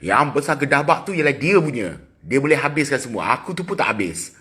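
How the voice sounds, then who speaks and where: A middle-aged man with a Malaysian accent, chatting casually with viewers on a phone livestream, teasing and quick with asides. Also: medium pitch, sing-song, pushed and bright, breathy edge. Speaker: livestream host. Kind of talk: casual live chat with viewers.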